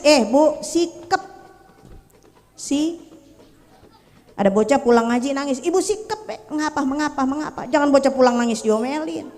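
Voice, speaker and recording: Lady preacher, playful, chats with the crowd, high voice, big hall reverb. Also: a little mellow. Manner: playful, jokes and banters with the audience. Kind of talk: storytelling sermon.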